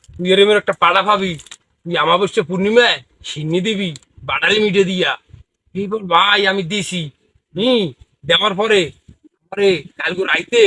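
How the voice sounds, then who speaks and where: Man acting high-voiced eager village son, Barisal dialect. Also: pushed and bright, slightly rough, dry recording, full character voice, rough recording. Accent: Barisal Bangladeshi Bengali. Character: gullible, eager village son obsessed with buried treasure.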